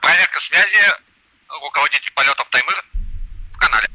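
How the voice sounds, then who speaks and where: A man barks short, formal radio calls as if keying a walkie-talkie, his voice raised and clipped. The tone is strikingly bright and sharp, and the sound is dry and close with no room around it. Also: on the high side, fairly quick, no room sound, low-quality recording. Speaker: flight sim instructor. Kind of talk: radio calls over voice chat.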